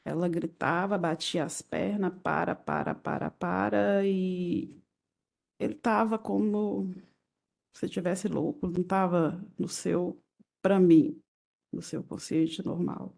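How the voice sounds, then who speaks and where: A woman with a Brazilian Portuguese accent gives courtroom testimony in a low, gravelly voice with a dark, mellow tone. She speaks very slowly in halting, broken-up phrases. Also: steady tone. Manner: halting, fragmented retelling. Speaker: victim testifying as witness.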